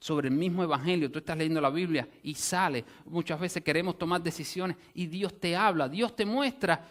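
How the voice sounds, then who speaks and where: A man's voice: fairly high pitch, moderate pace, fairly bright tone. A male pastor teaching a sermon in an explanatory way, often restarting phrases and rephrasing with asides. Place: church sanctuary.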